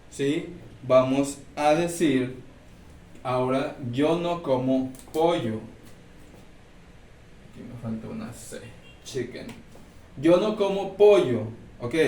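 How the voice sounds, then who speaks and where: A man teaches a recorded lesson, slow and patient, checking in. His somewhat high voice comes from a distance in an echoey room a faint hiss behind it. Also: darkish tone. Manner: explains step by step, checks in with "¿sí?". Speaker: English teacher. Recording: roomy, distant mic, faint background noise.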